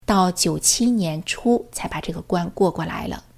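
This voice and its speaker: Sharing her experience as a religious practitioner, a woman earnestly recounts her story and quotes others' words to her. She speaks at a moderate pace in a lowish voice with vocal fry.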